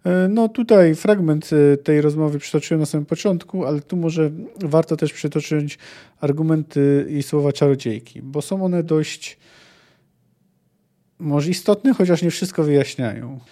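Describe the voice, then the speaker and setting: A man's voice: a little high, normal speed, dark tone. A man hosting a book discussion podcast, talking hesitantly with frequent filler sounds. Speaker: podcast host discussing a novel.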